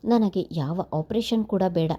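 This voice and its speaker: A woman's voice: on the low side, a little slow, mellow. Woman voicing a resigned, sorrowful sick son. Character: gravely ill young man, resigned elder son. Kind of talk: storybook reading.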